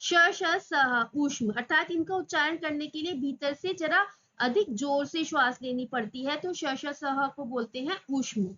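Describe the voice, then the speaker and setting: A woman teaching an exam-prep lesson. She asks questions and answers them herself, and she slowly draws out the example sounds. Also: high voice, a bit bright. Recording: slightly dull lo-fi audio.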